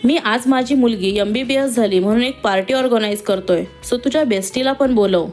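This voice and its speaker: A woman's voice: a little high, fairly quick, a little mellow, faint music behind, natural voice. A woman voicing a cheerful, firm wealthy businessman father in a read-aloud story. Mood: jovial. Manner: jovial, firm. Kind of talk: storybook reading.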